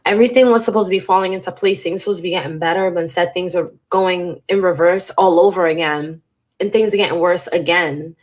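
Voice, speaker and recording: With a stuffy, congested voice, a woman vlogger addresses the camera candidly, fairly quickly and with fairly even intonation. Her voice sits lowish, and she is frank and emotional, swearing casually.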